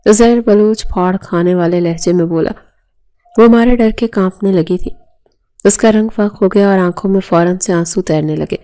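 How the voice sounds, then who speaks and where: A woman narrating a romance novel aloud in a steady, even reading. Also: mid-range voice.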